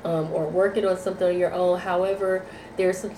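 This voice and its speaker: A tarot reader with a cold gives a reading to her viewers, sounding nasal and rambling through repeated phrases and fillers. Her voice is fairly low and warm, fairly quick, with little pitch movement. The room is echoey, with faint background noise.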